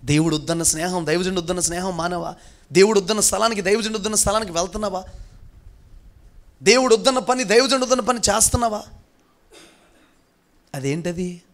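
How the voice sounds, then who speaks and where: High-voiced preaching pastor. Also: male voice, fast, pauses often. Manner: preaching with rhetorical questions, swinging between loud and hushed. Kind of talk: sermon.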